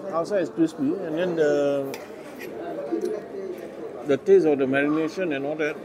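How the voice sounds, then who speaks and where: Man, 40s, Malaysian accent, casual food review, mixes Malay and English, fairly high voice, noisy crowded cafe. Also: moderate pace. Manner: mixes Malay and English, savouring with hums between bites. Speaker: food vlogger. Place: busy indoor cafe. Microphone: phone camera at table. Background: loud diner chatter.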